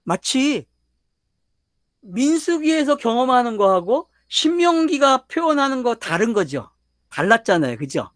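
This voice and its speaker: A man's voice: extremely high pitch, very animated, a little slow, fairly bright tone, no room sound, clean studio sound. An older man preaching a Bible lecture, constantly questioning his listeners and pressing his points emphatically. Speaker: pastor. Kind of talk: sermon lecture.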